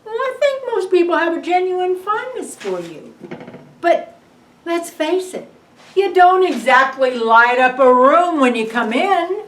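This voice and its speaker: A woman's voice: very high-pitched, lively intonation, unhurried, a bit bright, heavily acted, low-quality recording. An older woman playing a blunt, long-married wife who teases her husband in a dry way. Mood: wistful. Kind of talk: film drama acting.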